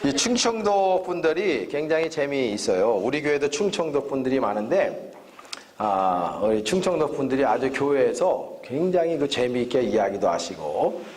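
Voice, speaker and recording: A man's voice: mid-range voice, very animated, normal speed, a little mellow. A man preaching as guest pastor at a church revival service, joking with the congregation and asking them questions. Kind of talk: revival sermon. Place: church sanctuary.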